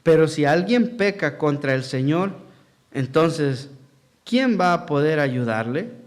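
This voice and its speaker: A man's voice: fairly high pitch, animated, slow pace. A man preaching as pastor in a church hall, asking the congregation questions and acting out quotes in a sermon.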